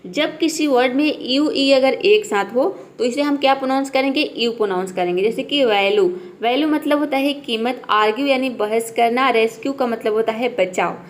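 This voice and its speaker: A woman with a high voice, middle-aged, teaching a basic lesson. She explains step by step in a patient manner. She keeps checking in with her listeners as she goes. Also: normal speed, slight background noise. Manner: patient, repeats "theek hai" often. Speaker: English teacher. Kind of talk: classroom-style lesson.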